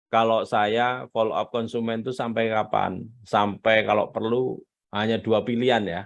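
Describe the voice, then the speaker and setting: A man giving a live business coaching talk on selling, emphatic and animated, repeating his key points. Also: medium pitch, no echo.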